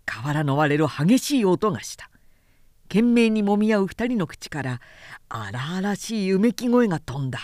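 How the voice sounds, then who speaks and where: This medium-pitched female narrator and announcer reads a literary tale for a dramatic audiobook, telling it with measured expressiveness. The sound is studio quality with no audible room.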